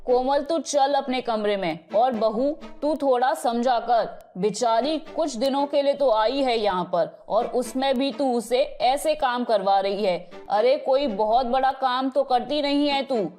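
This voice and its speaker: A woman voicing a stern, quick-tempered middle-aged mother-in-law who scolds and orders, with light music behind. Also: sits high, a little mellow. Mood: bossy. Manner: scolding, bossy.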